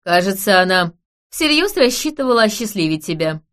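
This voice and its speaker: A woman's voice: mid-range voice, big pitch swings, a little fast, a bit bright. A woman voicing a dry, wry nobleman. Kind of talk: audiobook character reading.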